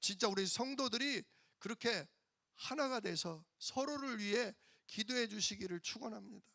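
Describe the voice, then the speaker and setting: A man's voice: high voice, normal speed, creaky, pushed and bright, no room sound, clean studio sound. A male pastor preaching a sermon in a church, emphatic and firing rhetorical questions at the congregation.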